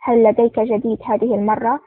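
A woman's voice: a little high, little pitch movement, quick pace, no echo, natural voice. A woman voicing a stern, terse male intelligence officer in an audiobook, with a curt, dry delivery. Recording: tinny phone-like sound.

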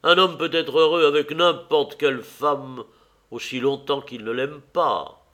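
A man's voice: a little high, fairly even intonation, measured pace, bright, forceful tone. A man voicing a witty, cynical English lord who speaks in languid, epigrammatic phrases.

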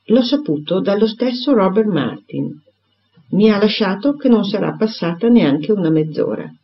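A man reading aloud and voicing a grave, firm gentleman who delivers serious news steadily. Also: high-pitched, lively intonation, moderate pace, husky, voice pushed up, full character voice. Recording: dull lo-fi recording.

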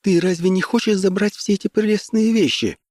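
A male audiobook reader putting on a young woman's voice, soft, gentle and raised in pitch. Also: steady tone, brisk, no echo. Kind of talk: audiobook character voice.

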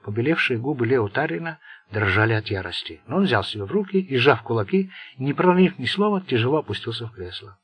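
A man narrating a crime novel as an audiobook reader, in steady storytelling. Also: mid-range voice, quick pace, hardly any pauses, slightly rough. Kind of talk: scripted narration.

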